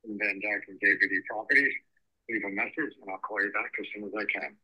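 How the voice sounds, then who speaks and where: A man's voice: on the low side, fairly even intonation, brisk, sharp tone. A man's recorded answering machine greeting, brief and businesslike, heard played back over a phone call. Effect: recorded voicemail greeting played over a phone. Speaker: real estate buyer.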